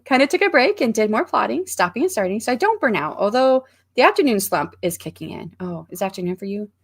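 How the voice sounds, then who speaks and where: A woman's voice: lowish voice, vocal fry. A woman hosting a focus livestream, reading viewers' comments aloud and chatting casually with plenty of ums and restarts. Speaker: livestream host reading chat. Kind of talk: casual chat.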